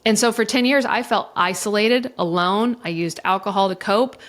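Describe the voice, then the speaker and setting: A woman's voice: mid-range voice, normal speed. A middle-aged woman, a divorce coach, talking candidly and emotionally in a podcast interview, swearing freely as she goes. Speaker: divorce coach and mediator guest.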